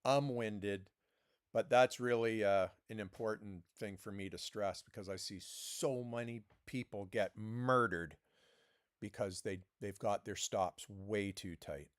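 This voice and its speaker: A man's voice: fairly low pitch, unhurried, no room sound, studio quality. A man streaming live trading commentary, coaching viewers in an emphatic way and repeating words as he presses his points.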